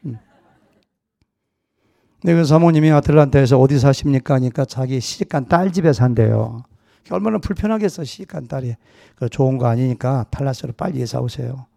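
A middle-aged man, a pastor preaching a sermon, telling a humorous personal story and acting out the dialogue with lively shifts of voice. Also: mid-range voice, brisk, vocal fry, no room sound. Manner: anecdotal and humorous, acting out dialogue in a wide-ranging voice.

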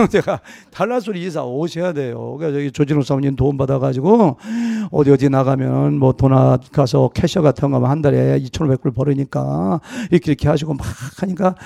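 A middle-aged man, a pastor preaching a sermon, telling a humorous personal story and acting out the dialogue with lively shifts of voice. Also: on the high side, gravelly, no echo, clean studio sound. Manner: anecdotal and humorous, acting out dialogue in a wide-ranging voice.

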